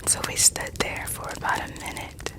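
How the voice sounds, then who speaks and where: A person telling stories in a soft, breathy ASMR whisper, lingering over words and softly repeating some of them. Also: moderate pace. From United States. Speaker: ASMR creator.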